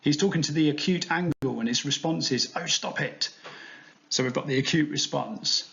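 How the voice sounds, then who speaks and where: A man's voice: on the high side, fairly quick, vocal fry, a bit bright. A man presenting a study tutorial in a playful, upbeat way. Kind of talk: narrated revision tutorial. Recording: dull lo-fi sound.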